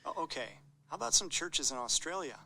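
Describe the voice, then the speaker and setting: A man's voice: a little high, expressive, fairly quick, gravelly, pushed and bright. A male synthetic voice acting as an AI assistant co-host, polite and matter-of-fact.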